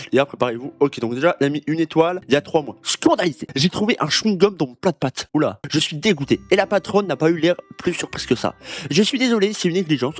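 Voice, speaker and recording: A young man doing casual, joking reaction commentary for viewers, slangy and animated. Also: fairly high pitch. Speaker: YouTuber reacting to reviews.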